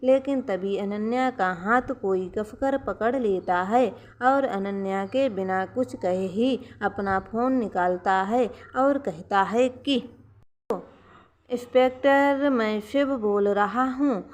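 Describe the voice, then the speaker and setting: A woman narrating a family story with slow, even storytelling. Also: medium pitch. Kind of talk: scripted narration.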